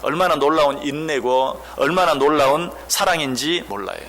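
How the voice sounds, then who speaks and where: A man's voice: a little high, normal speed, fairly bright tone. Korean pastor man preaching a sermon. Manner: asks the congregation questions, acts out quoted speech. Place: church.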